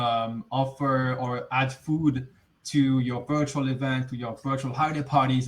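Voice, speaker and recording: A man from Belgium whose first language is French, speaking English with a Belgian French accent as he hosts a webinar over a video call, friendly and full of fillers and restarts. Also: mid-range voice. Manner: friendly, laughs often, many fillers and restarts. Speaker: webinar host. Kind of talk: casual webinar hosting.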